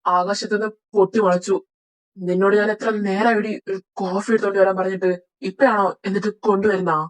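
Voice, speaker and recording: A woman's voice: medium pitch, flat delivery, fast, lightly acted, rough recording. A woman voicing a rude, short-tempered young male boss who scolds his assistant. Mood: scolding. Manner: scolding, domineering. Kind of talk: Malayalam fan audio drama.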